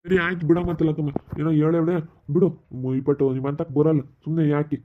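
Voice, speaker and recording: A man playing a stern older village man who scolds the women to keep quiet, in an amateur skit. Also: a little high, fairly even intonation, quick pace, lightly acted. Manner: admonishing, repeats rhetorical questions. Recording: tinny phone-like audio.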